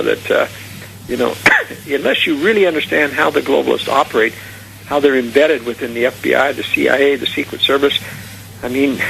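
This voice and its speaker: A man's voice: mid-range voice, creaky, fairly bright tone, slight background noise, poor audio. A man speaking as a radio talk show guest, giving earnest, conspiratorial political warnings in long, unscripted explanations. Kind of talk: unscripted political interview commentary.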